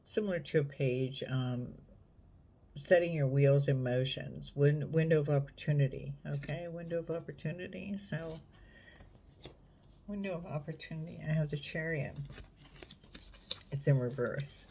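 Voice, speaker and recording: A woman reading tarot cards in a casual, unhurried way, musing aloud and talking straight to the viewer. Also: low-pitched, warm tone, husky. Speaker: tarot reader.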